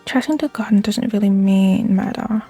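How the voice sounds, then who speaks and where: A woman's voice: mid-range voice, normal speed, dark tone, slightly rough, no room sound, soft background music. A woman casually playing a video game and reading its dialogue aloud as she goes.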